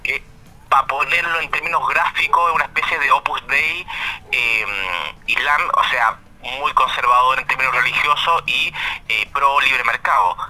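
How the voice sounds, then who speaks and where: On a live call-in news update, a male radio correspondent phones in, his mid-range voice coming through a bright phone line. He explains things in a measured way, with frequent hesitation fillers.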